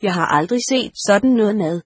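A small, hungry boy pipes up eagerly, as a woman reads him. Her voice stays slightly breathy, recorded dry and close. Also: medium pitch, animated, dry recording. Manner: eager, piping. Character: small hungry young boy, new to monastery.

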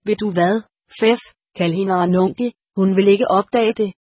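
Impatient, bossy young she-cat read by a woman; husky storybook read. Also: fairly even intonation, a little mellow, dry recording, studio quality, natural voice. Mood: pleased. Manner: bossy, shrill and hasty.

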